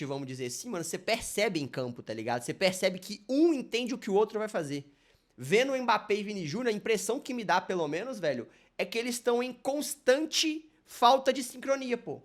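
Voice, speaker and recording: A Brazilian man reacting live to a video, talking casually in a rambling, slang-heavy way. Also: high voice. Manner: slangy, rambling, loaded with fillers like "mano" and "velho".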